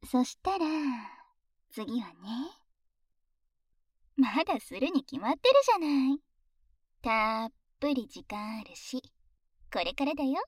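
A woman voicing a playful, teasing young lover in an intimate audio drama, whispering softly close to the microphone. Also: high-pitched, expressive, a little slow, long pauses, dry recording. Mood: cheerful. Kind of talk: intimate whispered ASMR roleplay.

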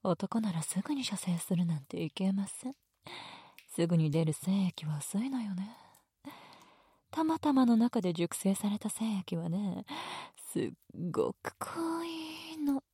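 A woman playing a breathy, whispering teasing teacher. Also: mid-range voice, lively intonation, measured pace, dry recording, full character voice. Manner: soft whispered teasing, bossy. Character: teasing, domineering adult female teacher. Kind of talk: erotic ASMR roleplay.

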